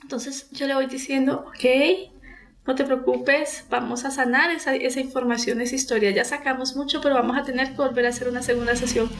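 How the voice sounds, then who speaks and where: A woman's voice: high-pitched, steady tone, a little fast, low-quality recording. A woman therapist, telling about a therapy case and retelling its dialogue, with many fillers and restarts.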